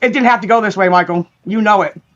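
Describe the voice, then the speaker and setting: A woman's voice: medium pitch, fast, fairly bright tone, dull audio. A woman calling into a livestream, apologizing in a pleading voice and repeating herself. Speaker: guest calling in.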